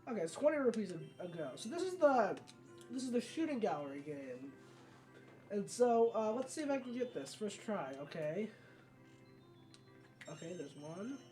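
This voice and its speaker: A gaming video host rambles through a casual let's play in a mellow, sing-song, mid-range voice at a moderate pace, pausing often. They frequently correct themselves mid-sentence, with video game music playing behind.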